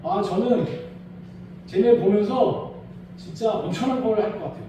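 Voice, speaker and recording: A male pastor preaching a Sunday sermon in a small church, animated and acting out quoted voices. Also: sits high, normal speed, heavy reverb, far from the mic, a little hiss or hum, low-quality recording.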